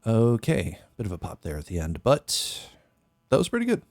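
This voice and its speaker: His pitch swoops wildly as this deep-voiced young streamer, a music producer, talks at a moderate pace in a slightly mellow voice. Broadcasting from a small bedroom studio through a boom-arm mic and headphones, he meanders and thinks aloud with lots of fillers.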